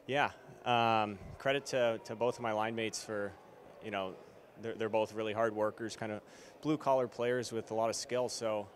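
In a postgame press interview held in an arena corridor, a young hockey player in his twenties talks casually into a handheld mic, using lots of fillers. His voice is on the low side with fairly even intonation and a moderate pace, and slight background noise can be heard.

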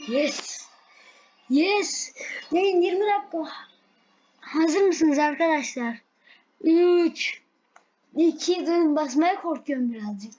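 A woman commenting live on her own gameplay, excitable and easily frustrated, repeating herself as she plays. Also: very high voice, highs cut off. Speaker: game streamer.

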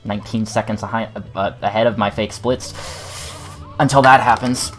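A male speedrunner streaming a game live, screaming curses in high-pitched outbursts and muttering low between them. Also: steady tone, normal speed, fairly bright tone, faint music behind. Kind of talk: raging live gameplay commentary.

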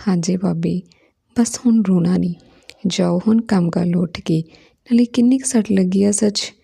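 A woman's voice: lowish voice, normal speed, vocal fry, warm tone, slightly rough, exaggerated voice. A woman reading the part of a teasing, reassuring young man who coaxes his sister-in-law in a storybook reading. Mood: coaxing.

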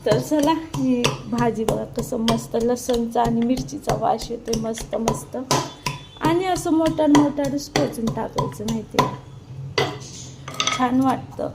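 A middle-aged woman chats informally for a home cooking vlog, hoarse from a sore throat, her voice giving out. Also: a little high, measured pace, heavy background noise. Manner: chatty, repetitive, informal. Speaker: homemaker video blogger. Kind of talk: casual cooking vlog chat. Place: home kitchen.

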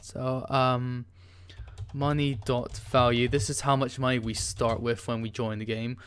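This tutorial host has a mid-range, slightly bright, clean voice with flat, unhurried delivery. He guides viewers through his screen in a casual coding tutorial, hesitating with many ums and restarts while typing.

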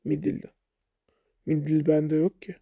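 A game vlogger talks through their play in an unhurried, chatty way, sometimes scolding the game and sometimes muttering under their breath. The voice sits at a middling pitch with a soft, mellow tone. The sound is dry and close. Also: level tone, creaky, no echo. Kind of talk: casual gameplay commentary.

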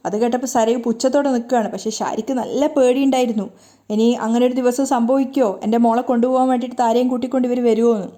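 A woman narrating a TV serial plot in a brisk, conversational storytelling manner. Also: a little high, steady tone, warm tone. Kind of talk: casual story retelling.

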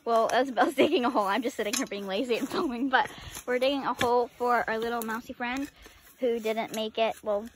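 A woman's voice: fairly high pitch, brisk, a little hiss or hum. A teenage girl casually narrating a farm vlog on a handheld phone, chatty and giggly with lots of ums. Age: teens. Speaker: vlogger. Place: outdoors on a farm, barns and pens. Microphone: handheld phone camera.

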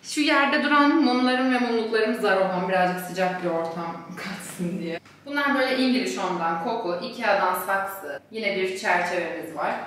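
Bright-voiced woman chatting thru a house tour, voice bouncing all over an echoey stairwell, bit of hiss behind. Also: medium pitch, normal speed. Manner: chatty, jokey, thinks aloud. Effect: voice echoing in a bare stairwell. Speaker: vlogger giving a home tour. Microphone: camera held by a second person. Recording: echoey stairwell, faint background noise.

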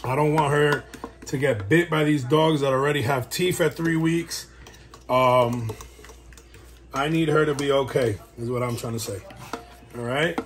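This dog breeder's how-to vlog, recorded noisily at home, finds him rambling and chatting while he works. He has a medium pitch and a measured pace, with frequent pauses.

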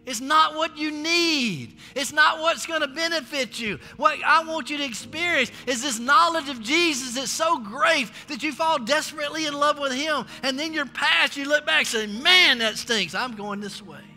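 A middle-aged American pastor preaches at a moderate pace with hardly any pauses, his very high voice pushed and bright. Emphatic and exhorting, he repeats phrases for impact, amplified on a large indoor church stage where the recording picks up echoey hall reverb and faint music.

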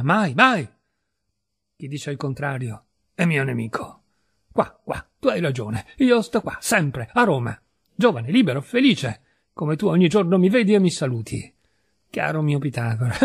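A man's voice: mid-range voice, gravelly, breathy edge, no room sound, clean studio sound, heavily acted. A man reading a story aloud, voicing a distraught young painter who has lost his mind, with feverish, erratic outbursts. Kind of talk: audiobook reading.

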